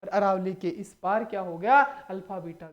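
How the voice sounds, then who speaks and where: Exam-prep teacher: a high-voiced man who rattles off memory tricks and quizzes his students as he goes. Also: normal speed, lo-fi sound. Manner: playful, teaches with mnemonic stories and rhetorical questions; addresses students as brother and friends. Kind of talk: energetic exam-prep lesson.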